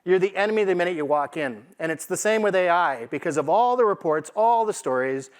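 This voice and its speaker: A Canadian AI consultant gives an informal business presentation to a live conference audience, conversational and emphatic, often checking in with rhetorical questions. His voice sits high and sounds expressive, brisk, clear and resonant.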